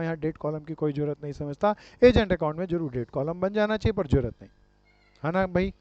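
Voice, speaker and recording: High clear-voiced man teaching accounts. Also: darkish tone, dry recording. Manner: quizzing students, calls them dear friends and brother. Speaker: commerce teacher. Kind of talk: classroom lecture with questions to students. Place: classroom. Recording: dull lo-fi sound.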